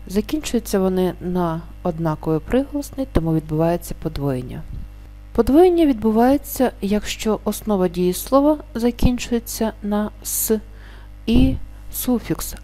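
A woman's voice: medium pitch, animated, warm tone, soft background music. Woman patiently explaining a grammar lesson. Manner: slow, careful spelling-out of example words. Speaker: teacher.

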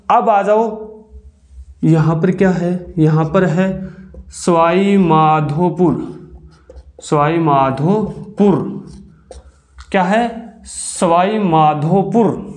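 A young man teaches a classroom memory trick in a high-pitched voice. He keeps up a call-and-response, asking a question and answering it himself. He slows down and stretches the words he wants remembered. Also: darkish tone. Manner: repeats questions and answers them himself, drawn-out emphasis.

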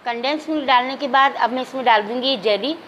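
High-voiced woman giving calm recipe steps. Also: fairly quick, slight background noise. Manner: calm, instructive, addresses viewers directly. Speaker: cooking channel host. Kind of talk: step-by-step recipe voice-over.

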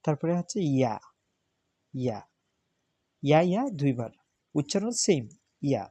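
A man's voice: medium pitch, very animated, unhurried, dark tone, dry recording. Man, patient tutor, repeats letter names, dry recording. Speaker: Arabic alphabet teacher. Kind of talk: step-by-step spoken lesson.

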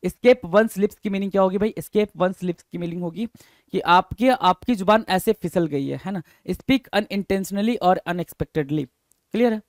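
A high-voiced man runs a Hindi-English lesson on English vocabulary, saying each term repeatedly and testing his listeners while drawing the English words out slowly. The recording is dry.

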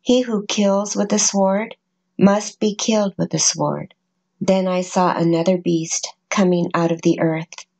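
A woman in a scripted narration, reading scripture and numbered points at a measured, even pace. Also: lowish voice. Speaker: prophecy narrator.

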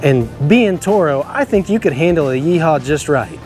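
Lively, animated kids' show host man. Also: on the high side, normal speed, faint music behind. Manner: enthusiastic, exclamatory, laughs often. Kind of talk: upbeat kids' show tour hosting. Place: stadium locker room and football field.

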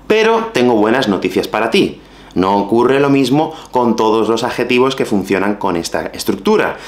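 A man from Spain with a Spanish accent, teaching Spanish in a video lesson with colloquial, expressive talk. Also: medium pitch, normal speed, roomy sound. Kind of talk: video lesson with acted skits.

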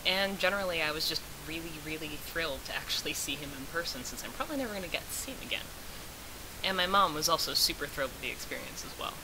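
A young woman records a casual vlog recapping a fan convention, talking like she's with friends from a small room at home. She's a fast, animated talker with a low-pitched voice, and the home recording is noisy with hiss.

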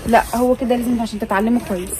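A woman's voice: on the high side, steady tone, very fast, a crowd in the background. An Egyptian woman, a mother vlogging with her family, talking in a coaxing, insistent way. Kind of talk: casual family vlog chat.

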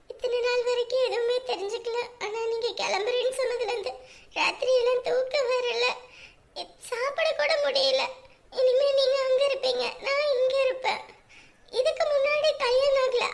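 An actress playing a tender young wife, speaking emotionally and tearfully. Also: female voice, extremely high pitch, moderate pace, vocal fry, a bit bright, full character voice. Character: tender young wife parting from her soldier husband. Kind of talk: family drama acting.

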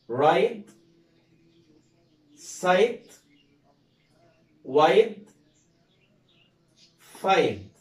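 Egyptian man drilling English words, roomy. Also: fairly high pitch. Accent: Egyptian Arabic. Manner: drills words slowly, asks and answers his own questions. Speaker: English teacher. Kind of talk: pronunciation lesson. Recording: roomy echo, mic at a distance.

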